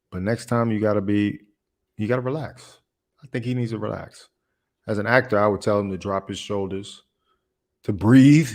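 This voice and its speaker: A man's voice: lowish voice, darkish tone. A man hosting a reaction video, commenting casually on a clip and laughing often, repeating his phrases.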